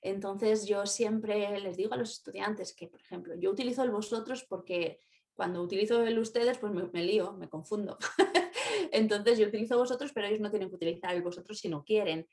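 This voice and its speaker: A woman's voice: medium pitch, fairly quick, darkish tone. A Spanish teacher from Spain, a woman with a Spain Spanish accent, talking in a casual, chatty conversation and often laughing.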